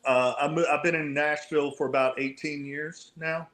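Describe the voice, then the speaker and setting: A man's voice: on the high side, steady tone, moderate pace, fairly bright tone. A man from Kentucky, a film guest on a podcast, telling stories in an easygoing, rambling way. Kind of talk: casual chat.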